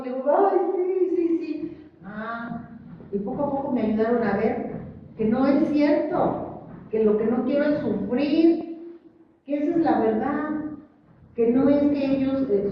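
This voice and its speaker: A middle-aged woman speaks at a support group, sharing her story with emotion and acting out the voices of others. Her voice sits a little high. She is picked up from far off in a large echoing hall, and the sound is muffled. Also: a little hiss or hum. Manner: emotional, acts out other voices, self-mocking. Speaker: group member sharing testimony. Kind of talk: personal testimony at a support group. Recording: echoey hall, distant mic, muffled.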